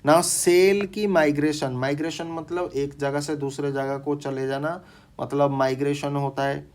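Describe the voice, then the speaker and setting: A man teaching a pharmacy lecture. He reads each definition slowly, repeats the key terms, and keeps checking that the class is following. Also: fairly high pitch, fairly even intonation, a little mellow. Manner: explains in mixed Hindi and English, repeats key terms, adds frequent check-ins; reads English definitions slowly, then rephrases them in Hindi.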